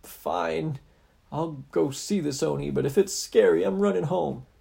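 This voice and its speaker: A man's voice: on the high side, a little slow, gravelly, dark tone, husky, pitched above the performer's own voice, exaggerated voice. A man voicing a cowardly, whiny TV superhero who stammers nervously. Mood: reluctant.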